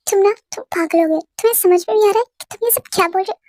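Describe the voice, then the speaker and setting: A woman's voice: very high voice, racing, darkish tone, dry recording. A woman voicing a tearful pleading young heroine. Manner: pleading, breathless, stammering. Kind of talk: fan audio drama role-play.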